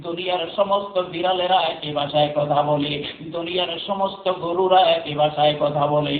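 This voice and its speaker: High-voiced preacher in echoey tinny audio. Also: male voice, steady tone, moderate pace. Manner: rhythmic repeated refrains, rising to loud sing-song peaks. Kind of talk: Islamic sermon. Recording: echoey, phone-like tinny sound.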